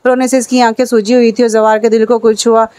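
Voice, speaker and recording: A woman's voice: a little high, level tone, a little mellow, no echo. Woman narrating a romance novel evenly. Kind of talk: audiobook novel reading.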